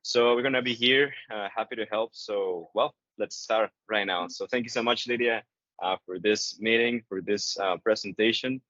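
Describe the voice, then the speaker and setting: A man with a fairly low voice hosts an online webinar, hesitating often and repeating himself with plenty of fillers. His audio comes over a video call, dry and a bit dull. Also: moderate pace, a bit bright, no room sound. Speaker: webinar host. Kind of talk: casual hosting.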